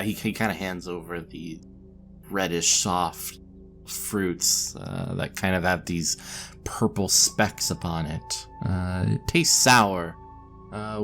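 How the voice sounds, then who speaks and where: A man narrating a tabletop game as game master, measured and musing. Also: low voice, a bit bright. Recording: faint music behind.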